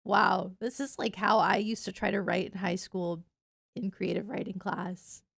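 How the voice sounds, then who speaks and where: Woman streamer with vocal fry, chatty. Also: medium pitch, steady tone, a little slow, a bit bright, no room sound. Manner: chatty, candid asides. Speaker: livestreamer listening along. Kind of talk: casual chat.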